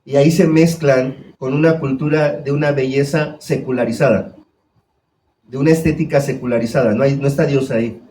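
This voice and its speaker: A man's voice: mid-range voice, steady tone, normal speed, dark tone, slight background noise. A man preaching a sermon as pastor, putting questions to his congregation. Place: church hall. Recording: echoey church room.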